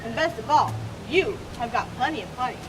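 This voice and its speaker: A woman playing a flattering, deferential manservant to a rich gentleman in a stage comedy. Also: on the high side, brisk, lightly acted. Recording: noisy stage recording, distant microphone.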